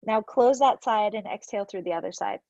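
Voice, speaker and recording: A woman's voice: medium pitch, fairly quick, vocal fry, mellow, no room sound, dull audio. A woman with a stuffed-up nose, casually explaining breathing exercises step by step with lots of "like" fillers. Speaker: yoga teacher guest. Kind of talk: casual instructional chat.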